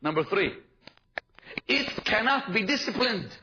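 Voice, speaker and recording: High-voiced man preaching with emphatic repetition. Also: expressive, a little slow, sharp tone. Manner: emphatic, repeats key points, asks the congregation to respond. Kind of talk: sermon. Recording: dull, noisy live sermon recording.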